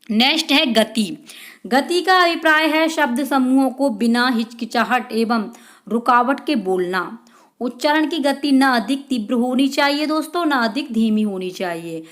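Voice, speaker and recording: A woman's voice: fairly high pitch, fairly bright tone. A woman teaching an exam-prep lesson, reading out questions and answering them and calling her viewers friends.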